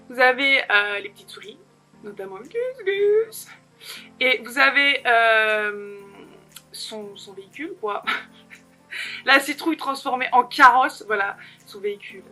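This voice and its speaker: Young woman rambling thru a haul video, giggles a lot, bright sharp voice, kinda high, faint music under it. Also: expressive, measured pace. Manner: giggly, rambling, self-mocking. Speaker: vlogger. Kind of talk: casual haul video chat. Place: alone at home.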